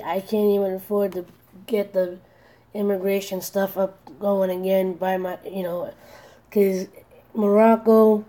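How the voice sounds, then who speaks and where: A woman in her forties talks candidly to her vlog camera, slow and flat, with a dark, mellow, low-key voice. She sounds earnest and slightly worried, frequently restarting sentences and falling back on "you know."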